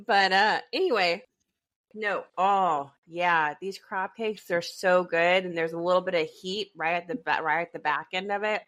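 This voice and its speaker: A woman's voice: fairly low pitch, unhurried, fairly bright tone. A woman co-hosting a podcast in casual chat, playful and teasing, who sometimes talks with her mouth full. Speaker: podcast co-host.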